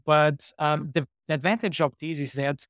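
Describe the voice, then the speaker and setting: A man's voice: fairly high pitch, steady tone, normal speed, fairly bright tone, dry recording, studio quality. A man in his thirties from Portugal, a startup co-founder, chatting as a podcast guest with many fillers and restarts. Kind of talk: casual interview talk.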